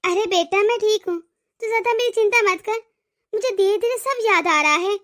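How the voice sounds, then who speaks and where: A woman's voice: very high voice, normal speed, fairly bright tone. A woman voicing a tired, ailing older mother in a cartoon story, hesitant and stammering as she talks.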